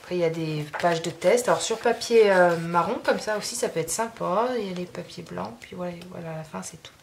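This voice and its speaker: In an art-supply haul video, a French craft YouTuber chats casually, rambling with many fillers and restarts. Her voice sits on the low side, fairly quick and creaky, with a little hiss or hum.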